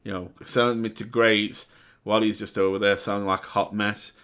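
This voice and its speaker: A man's voice: lowish voice, flat delivery, brisk, a bit bright, smooth. Chatty man reacting to rap. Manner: chatty, breaks down lyrics with fillers and restarts. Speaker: reaction video host. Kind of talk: casual commentary reacting to music.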